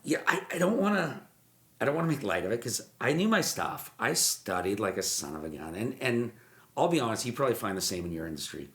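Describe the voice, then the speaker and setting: A man, a mortgage broker, telling stories in a podcast interview, animated and repeating words as he acts out what people said. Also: fairly low pitch, fast talker. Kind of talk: storytelling interview chat. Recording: roomy echo.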